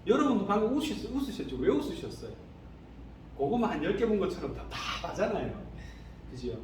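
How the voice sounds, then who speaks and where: Male pastor, sermon, high lively pitch, echoey room with faint hiss. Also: fairly quick. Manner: animated, asks the congregation rhetorical questions. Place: church sanctuary. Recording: echoey hall, distant mic, faint noise.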